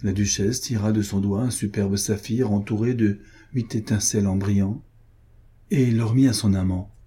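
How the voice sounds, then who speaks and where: A man reading a nineteenth-century romance novel aloud in calm, measured narration. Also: on the low side, husky. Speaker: audiobook reader.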